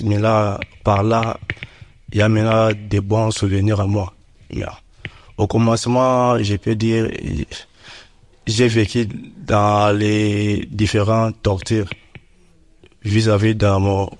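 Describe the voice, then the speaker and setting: A man giving personal testimony to a group in halting non-native French, repeating and searching for words. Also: fairly low pitch. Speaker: artist and graphic designer.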